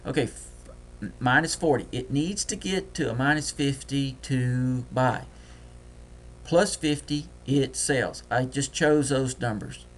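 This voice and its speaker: A man with a Deep South accent, talking fast and folksy through a screen-recorded trading software tutorial. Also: slight background noise. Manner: folksy, talks fast while clicking.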